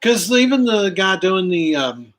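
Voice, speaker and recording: Bright-voiced man chatting outdoors. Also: high-pitched, very animated, measured pace. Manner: rambling, self-correcting, chatty. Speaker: host of a live outdoors channel. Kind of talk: casual live-stream chat. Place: outdoors, chilly. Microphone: camera he angles himself.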